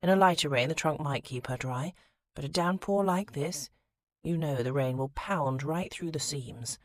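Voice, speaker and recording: A rakish young gentleman, as a woman narrator puts him on, teasing and warm, slipping into low, husky murmurs. The delivery is dry and close, with no room sound. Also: normal speed, dry recording, natural voice. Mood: insistent. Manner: teasing, turning hushed and intimate. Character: charming rakish young lord, teasing yet tender.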